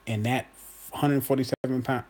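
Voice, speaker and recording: A husky man in his early forties holds forth in a loose, unscripted monologue. He talks emphatically, circles back to repeat his points and speaks straight to the people watching. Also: mid-range voice, little pitch movement, normal speed, a little mellow. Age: 40s. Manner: emphatic, repeats himself, addresses viewers as y'all. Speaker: boxing commentator host. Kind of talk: casual opinion monologue.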